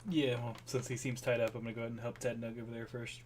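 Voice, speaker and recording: A man's voice: mid-range voice, little pitch movement, quick pace, darkish tone. A man playing a tabletop game, talking loosely and casually. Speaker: player. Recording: noisy mic with keyboard clicks.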